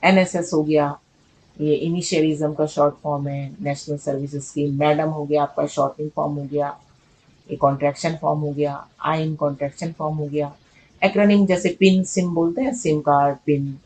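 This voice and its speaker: A woman's voice: low voice, little pitch movement, normal speed, darkish tone, rough recording. A woman teaching in a patient, explanatory way, repeating key words and checking in with her students. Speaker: English teacher. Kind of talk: explanatory video lesson.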